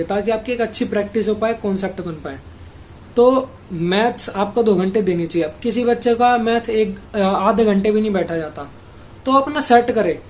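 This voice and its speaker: A man's voice: high-pitched, darkish tone, slight background noise. A young man hosting a study-tips video, giving casual advice to students and speaking straight to viewers as he walks through numbered points.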